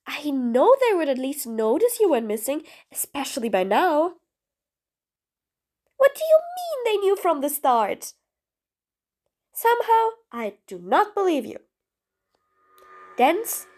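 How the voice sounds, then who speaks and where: A woman voicing a sarcastic, exasperated female supervillain in an audio role-play drama, taunting her prisoner with bossy nicknames. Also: high-pitched. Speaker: voice actress.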